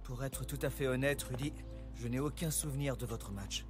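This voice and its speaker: A man playing an earnest basketball coach in an animated series, calm and encouraging as he explains things step by step. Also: mid-range voice, moderate pace, close to an everyday voice. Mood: calm, reassuring. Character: earnest, reassuring adult male basketball coach. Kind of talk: French animated series dubbing. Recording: music under the voice.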